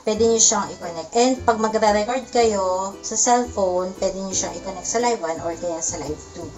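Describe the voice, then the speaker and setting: A woman doing a casual product demo, explaining in short bursts with frequent pauses, speaking into a condenser mic at home. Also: medium pitch, darkish tone, soft background music. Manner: talks in short explanatory bursts, often pausing. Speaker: product reviewer. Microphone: condenser mic through a sound card. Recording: noisy home recording.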